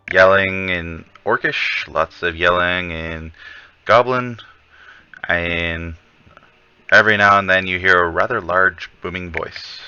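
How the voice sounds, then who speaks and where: A man's voice: low-pitched, pushed and bright, smooth, no room sound, muffled recording. A man narrating as game master of a tabletop game, hesitating with lots of ums and uhs. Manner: hesitant, filler-heavy narration.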